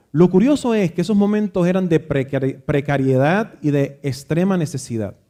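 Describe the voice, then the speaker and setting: A man preaches a sermon in an unhurried storytelling manner, pausing and restarting as he recalls scenes. His voice sits a little high for a man, but its tone is dark and mellow. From Dominican Republic. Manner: reflective, nostalgic storytelling with frequent restarts. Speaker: pastor.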